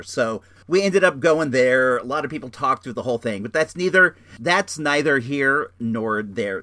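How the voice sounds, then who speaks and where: A man's voice: mid-range voice, a bit bright, dry recording, studio quality. A middle-aged man hosting a show with casual, rambling reviews, enthusiastic and slangy, often repeating his phrases. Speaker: show host.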